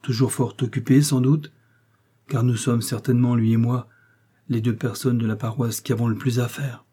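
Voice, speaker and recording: A man voicing a coarse, bustling older country priest who talks loudly and jovially. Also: medium pitch, fairly even intonation, moderate pace, slightly rough, natural voice. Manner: loud, jovial, scolding.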